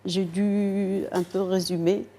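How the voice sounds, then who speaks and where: An older woman from Morocco, a guest poet in a TV studio interview, speaking softly and hesitantly with many pauses. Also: medium pitch, level tone. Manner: slow, soft-spoken, hesitant with many pauses.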